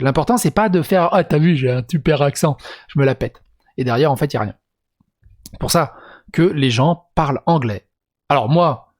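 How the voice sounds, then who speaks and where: A man's voice: a little high, darkish tone. Crude sarcastic French-speaking man. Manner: crude, sarcastic asides between read passages. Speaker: YouTube commentator. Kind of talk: scripted reading mixed with asides.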